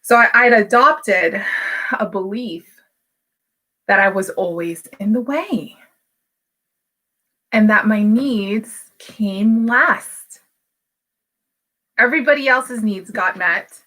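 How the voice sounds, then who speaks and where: A woman's voice: medium pitch, slow, long pauses, pushed and bright. A woman in her thirties from Hawaii, a business coach talking candidly to camera in a casual, motivational way, with many fillers. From Hawaii, United States. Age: 30s. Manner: candid and personal, with frequent fillers.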